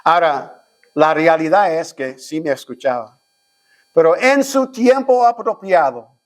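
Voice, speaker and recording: A man's voice: fairly high pitch, expressive, unhurried. A man, preaching a Sunday school sermon as a pastor, often turning to the congregation with amens and questions and acting out his own prayers. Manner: dramatizes his own prayers, rising to a shout.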